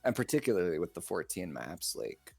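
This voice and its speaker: A man co-commentating a live online game, giving relaxed, analytical takes that often trail off. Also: sits low, fairly quick, creaky, breathy edge, soft background music. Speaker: esports co-commentator.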